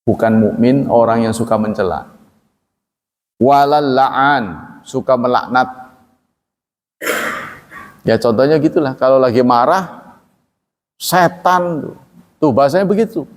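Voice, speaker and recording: A male Islamic teacher gives a study-circle lecture in a relaxed, chatty way, breaking down Arabic terms and checking with his listeners. His voice sits at an ordinary middle pitch. The recording carries a long, lingering reverb from a large hall. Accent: Indonesian, from Banten region. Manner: conversational, explains Arabic terms, asks audience questions.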